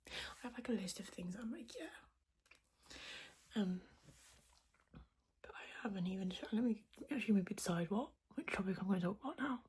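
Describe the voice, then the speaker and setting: A woman podcast host whispering in a hushed, quiet voice so as not to wake anyone, chatting casually in a rambling, self-deprecating way. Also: medium pitch, lively intonation, moderate pace, pauses often, a little hiss or hum. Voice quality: whispered, breathy voice. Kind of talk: casual chat to podcast viewers.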